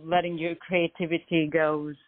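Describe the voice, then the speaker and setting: A musician guest from Lebanon who was raised in France answers interview questions hesitantly, using many fillers. Her voice is deep and flat at a moderate pace, and the audio has a tinny phone-line sound.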